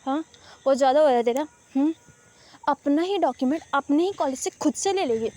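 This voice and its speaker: A young woman putting on the voice of a gruff male police officer who mockingly scolds a student, in a storytime vlog. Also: sits high, animated, a little fast, mellow. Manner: mocking, bossy.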